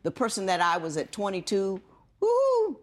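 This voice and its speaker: Lively, animated woman judge. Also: moderate pace. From Ohio. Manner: animated, expressive, swoops up high when excited. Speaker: court show judge. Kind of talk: courtroom questioning.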